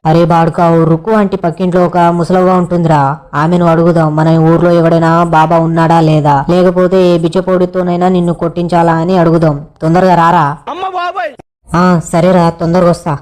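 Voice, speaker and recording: A young man performs a village comedy skit full of cheeky, crude banter. He talks fast in a fairly flat tone. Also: a little high.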